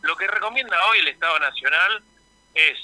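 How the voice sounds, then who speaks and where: A man's voice: sits high, expressive, fairly quick, pushed and bright, slight background noise, low-quality recording. A man with an Argentine Spanish accent, a health official explaining things in a radio interview. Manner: explanatory, informative.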